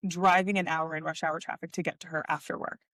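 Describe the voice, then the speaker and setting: A young woman podcast co-host, chatting casually and telling a long story in an animated way, with many "like"s. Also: low-pitched, fast, no room sound, clean studio sound. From United States. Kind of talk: casual chat.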